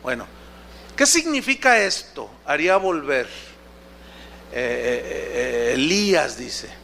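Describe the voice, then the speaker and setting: A middle-aged man delivers a sermon as pastor, his voice pitched high and bright. He tells a story with emotion, often restarting his phrases. A faint hum sits under the recording. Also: very animated, takes it slowly, creaky.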